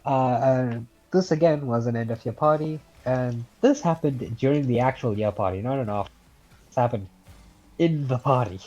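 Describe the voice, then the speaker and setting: A man's voice: mid-range voice, normal speed, dark tone, muffled recording, faint music behind. A young man in his late teens with a Scouse accent, casually telling a rambling story on a podcast, swearing often. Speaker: podcast host.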